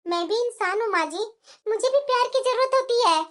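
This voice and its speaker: A woman's voice: very high-pitched, fairly quick, a bit bright. A woman voicing a young daughter-in-law in a cartoon, pleading earnestly and standing her ground. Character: young daughter-in-law, hurt but firm. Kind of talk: cartoon voice acting.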